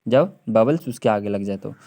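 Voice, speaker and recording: A man teaching an English lesson, repeating each word several times and often clearing his throat. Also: lowish voice, expressive, moderate pace, warm tone. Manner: repeats words over and over, drawn out, with frequent throat clearing. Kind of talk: classroom lesson on silent letters.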